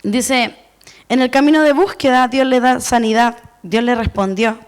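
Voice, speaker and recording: A woman with a high voice delivers a sermon. She speaks earnestly and personally, and she keeps saying "we" to include herself with the congregation. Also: fairly even intonation, normal speed, clear, resonant tone. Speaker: preacher.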